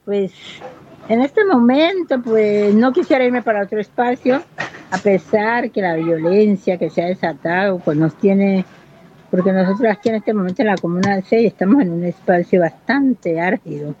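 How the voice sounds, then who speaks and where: A woman's voice: medium pitch, expressive, moderate pace, darkish tone, lo-fi sound, a little hiss or hum. Earnest woman in her fifties. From Buenaventura, Colombia. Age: 50s. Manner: earnest, impassioned, reflective. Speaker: local resident. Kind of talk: interview testimony.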